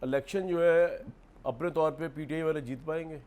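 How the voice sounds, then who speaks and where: A man hosting a political talk show, asking quick probing questions and wrapping up the segment. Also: on the high side, steady tone, darkish tone.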